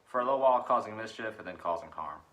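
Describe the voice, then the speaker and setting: A man's voice: on the low side, animated, racing, a bit bright. A young man co-hosting a casual chat, telling cryptid stories in a laid-back way and laughing often. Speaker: podcast co-host. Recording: faulty microphone audio.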